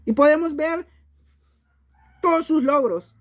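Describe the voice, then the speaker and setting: High-voiced Mexican woman preaching a sermon. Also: takes it slowly. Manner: emphatic, repeats words while searching for them.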